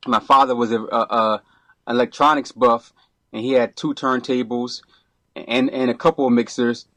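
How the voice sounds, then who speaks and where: A middle-aged man from Brooklyn, a podcast guest who talks in a relaxed, rambling way, full of restarts and you-knows. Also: medium pitch, moderate pace, no room sound. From Brooklyn, New York. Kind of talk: casual interview.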